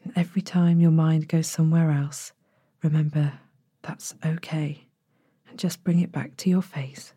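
Clean studio audio with no echo captures a woman narrating a bedtime body scan as a sleep story. Her lowish voice is very mellow and soft, breathy enough to approach a whisper, with fairly even intonation, and she offers soothing instructions at an unhurried pace.

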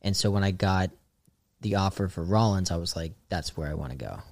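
Here a young man from suburban Boston, USA, a comedian guesting on a show, rambles through stories in a relaxed conversation packed with fillers. He has a deep, gravelly voice and a brisk pace, recorded without echo.

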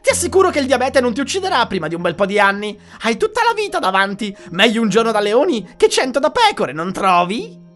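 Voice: very animated, fast talker. A narrator voicing a sinister, mock-cheerful male hatter who coaxes a girl to keep eating, over faint music. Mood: creepy coaxing. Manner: coaxing, high and loud, mock-cheerful. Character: creepy sinister male hatter, sugary and menacing.

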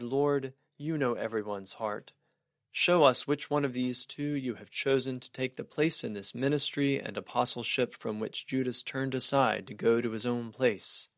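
A man's voice: mid-range voice, fairly bright tone, dry recording. Man reading scripture, dry sound. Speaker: scripture reader.

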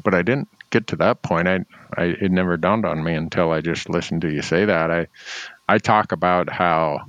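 A man's voice: low-pitched, a bit bright, dry recording, dull audio. A man talking casually as a host about the outdoors, explaining things in a folksy, conversational way. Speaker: host of a hunting talk show.

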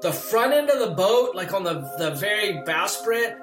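A man casually recounting an ordeal at sea in an interview, animated and full of fillers. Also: high-pitched, normal speed. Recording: roomy sound with music underneath.

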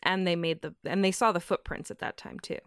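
A podcast co-host with a lowish, fairly even, clean voice reacts to a story in casual chat, firing off sarcastic quips and questions and laughing often. The studio-quality recording has no room sound.

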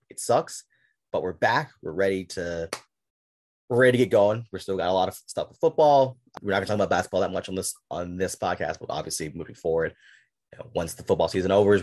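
A man's voice: low-pitched, a little mellow. A man hosting a casual sports podcast, talking loosely and sarcastically, with frequent restarts. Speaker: podcast host. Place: at home with a game on TV.

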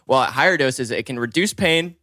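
A man's voice: mid-range voice, expressive, a little fast, sharp tone, dry recording. A man hosting a casual podcast, talking loosely, swearing and laughing mid-sentence into a close mic in a small home setup. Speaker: podcast host. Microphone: close studio mic with headphones.

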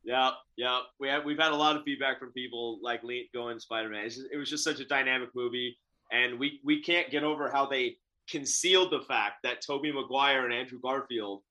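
Over a video call from his Bay Area home office, a man co-hosts a podcast in casual interview chat, eager and chatty, laughing often and restarting sentences. His mid-range voice is fairly even, a little fast and sharp, and the audio is poor.

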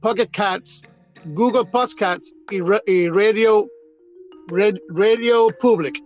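High-voiced halting host. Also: male voice, highs cut off, soft background music. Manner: halting, repeats words. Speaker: podcast host. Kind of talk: casual podcast chat.

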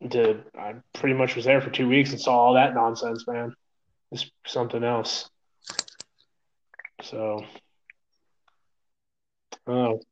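A man from New York who works as an EMS medic talks through his experiences in a relaxed, rambling way. He swears casually, restarts sentences and keeps tagging "man" onto his thoughts. The recording sounds dull and lo-fi. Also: mid-range voice, a little slow, long pauses. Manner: rambling, profane, many fillers and "man". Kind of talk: casual interview talk.

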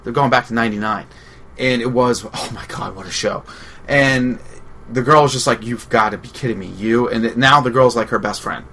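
Bright-voiced man telling a rambling story. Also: medium pitch, moderate pace, a little hiss or hum. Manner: rambling storyteller, swearing, many fillers. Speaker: radio show co-host. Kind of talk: casual radio chat.

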